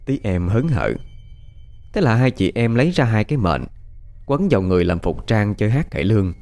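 A male storyteller tells a ghost story, his voice low and full of rises and falls. He stresses the frightening moments with drama. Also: brisk, soft background music. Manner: expressive, dramatic. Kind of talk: scripted ghost story narration.

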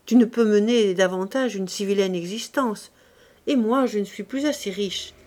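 A woman's voice: medium pitch, moderate pace, a little mellow, lightly acted. A woman reading the lines of a charitable young woman who scolds the poor firmly but kindly. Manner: firm, scolding but kind.

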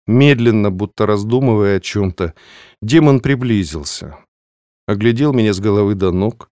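A man narrating an audiobook in a steady, measured way. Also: lowish voice, clean tone, dry recording, studio quality.

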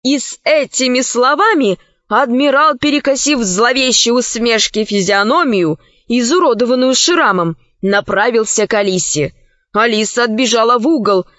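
A woman reading a children's storybook aloud in a measured, unhurried way. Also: a little high, a bit bright, no echo. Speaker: audiobook narrator. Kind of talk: scripted storybook narration. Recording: dry, dull lo-fi recording.

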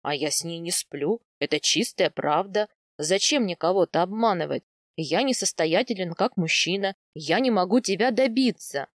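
A woman reads a storybook part as a playful young husband, his voice pulled low and eager. He teases and pleads by turns in a close, dry sound with no room echo. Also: animated, moderate pace, lightly acted. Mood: teasing. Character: playful, teasing young husband, a steppe man.

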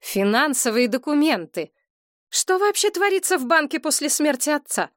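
A woman's voice: high voice, very animated, normal speed, no room sound, studio quality, pitched above the performer's own voice. A woman voicing a grave, suspicious adult daughter who speaks grimly and questions pointedly in an audiobook. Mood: probing. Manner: grim and probing. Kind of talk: audiobook character reading.

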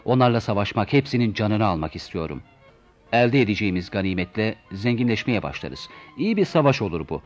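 A man voicing a grandiose, deluded old knight who declaims loudly. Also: lowish voice, very animated, a little fast. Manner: bombastic, declaiming, shouting. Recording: dull lo-fi recording with soft music.

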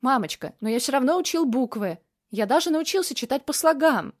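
A woman's voice: high-pitched, lively intonation, brisk, pitched above the performer's own voice. A woman voicing an earnest, loving little boy of about six in an audiobook. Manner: earnest, childlike.

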